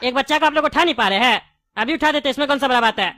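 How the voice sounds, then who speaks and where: A talkative candy-shop owner who argues and laughs easily, played by a woman in a high, bright voice. The delivery is a light comedy-skit performance. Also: fast, a little hiss or hum. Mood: indignant. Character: chatty male shopkeeper selling cheap candy. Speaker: comic skit actor.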